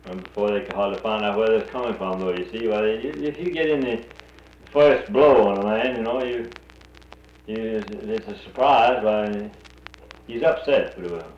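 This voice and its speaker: Dull audio on a roomy old 1941 recording with faint hiss captures a North Carolina man in casual conversation about the war. His voice is lowish and his speed normal, and he talks bluntly, frequently restarting his sentences.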